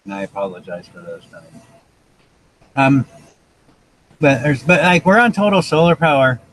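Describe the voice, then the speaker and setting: A man's voice: mid-range voice, big pitch swings, normal speed, fairly bright tone, rough recording. Rambling man chatting on a live stream. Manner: rambling, restarts sentences. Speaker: vlogger co-host. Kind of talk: casual live-stream chat. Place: outside by their van.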